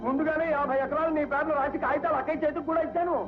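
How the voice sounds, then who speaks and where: A middle-aged actor playing a pushy, wheedling village uncle in an old film. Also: male voice, very high-pitched, fairly even intonation, very fast, music in the background. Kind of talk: Telugu film dialogue. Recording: tinny old film soundtrack.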